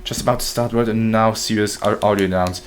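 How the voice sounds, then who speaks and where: Low-voiced man streaming a game. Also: fairly even intonation, a little fast. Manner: joking, chatty, reads chat aloud. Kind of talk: live gameplay commentary.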